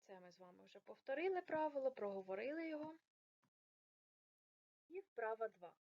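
A woman with a fairly high voice teaching young children in a recorded video lesson. She talks them through each task and draws out stressed syllables slowly and deliberately. The audio is a little dull and lo-fi. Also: big pitch swings. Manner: slow, exaggerated stress on words. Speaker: primary school teacher.

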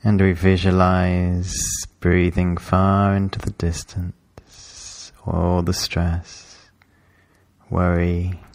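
A man with a low-pitched voice walks listeners through a meditation, calm and instructional. Long pauses separate his measured phrases, and there's no echo.

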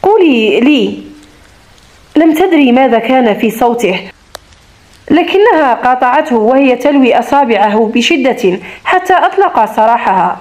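Female audiobook narrator, high voice, dramatic novel reading. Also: lively intonation, normal speed, a little mellow, highs cut off.

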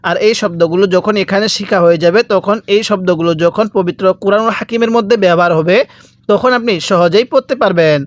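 A man teaching Quran reading to students, spelling out letters slowly and drawing out the vowels so they can repeat after him, with a Bangladeshi Bengali accent. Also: sits high, no room sound. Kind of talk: recitation lesson with call-and-repeat.

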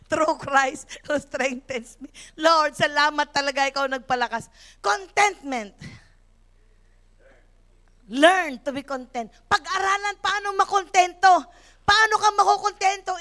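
A woman pastor in her fifties from the Philippines, preaching a sermon in a church with animated storytelling and English phrases mixed in. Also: very high-pitched.

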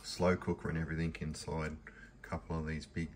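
Here the man has a bass voice and a completely flat delivery, talking a little fast as he shows his kitchen and pantry. His casual phone-filmed tour rambles along with fillers and restarts, and a slight background noise can be heard.

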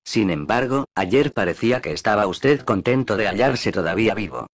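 A man's voice: lowish voice, expressive, normal speed. A man voicing a stern, kindly ship's doctor in an audiobook, firm and reassuring.

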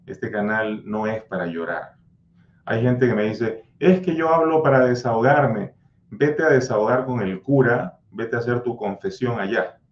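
A man lectures his livestream viewers in a blunt, insistent way, pounding out repeated mantras like a drill. His voice sits in an ordinary middle range. The sound is roomy and slightly muffled. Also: medium pitch. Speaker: anxiety coach and channel host. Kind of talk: livestream answering viewer comments.

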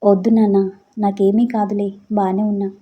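A woman's voice: mid-range voice, level tone, moderate pace, narrow, tinny audio, natural voice. Woman voicing a tearful young daughter. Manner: pleading, tearful.

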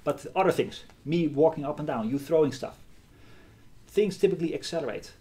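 A middle-aged university lecturer giving a live physics lecture in a hall, lively and often checking in with the class. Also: male voice, fairly high pitch, fairly quick. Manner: lively, asks the class questions.

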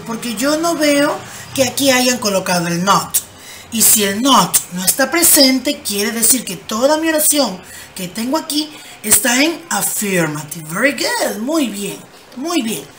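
A woman's voice: a little high, very animated. A woman, teaching English grammar patiently and answering her own questions. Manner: patient, asks rhetorical questions and answers them; reads English examples slowly and clearly. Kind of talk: slow explanatory grammar lesson. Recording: faint background noise.

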